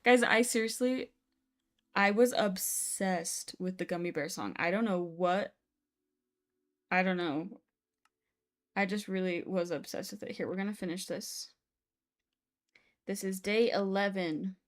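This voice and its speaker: A woman's voice: mid-range voice, a little slow, long pauses. A young woman live-streaming a building game, chatting casually with her viewers in a bubbly, exclamatory way. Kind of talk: casual live-stream chat while playing.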